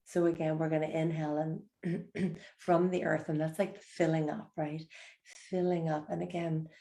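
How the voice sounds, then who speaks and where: A woman with a low, slightly gravelly voice guides listeners through a breathing meditation. She speaks softly and unhurriedly, her tone warm and mellow as she offers gentle invitations. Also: flat delivery. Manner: soft, slow and soothing, gentle invitations.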